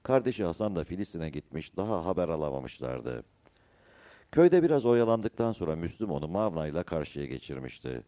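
A man narrating a novel in a measured storytelling manner. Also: low voice, sing-song, warm tone. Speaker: audiobook narrator.

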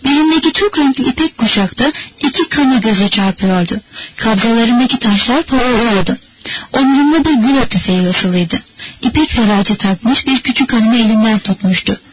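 A woman narrating a novel as an audiobook in a measured, steady reading manner. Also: on the high side, husky, poor audio. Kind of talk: scripted narration.

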